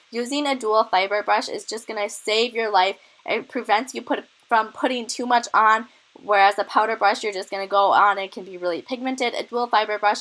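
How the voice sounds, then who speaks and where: Bright-voiced woman with a cold, talking makeup. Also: medium pitch, poor audio. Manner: chatty, enthusiastic product tips. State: out of breath from a cold. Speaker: beauty vlogger. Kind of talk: makeup tutorial narration.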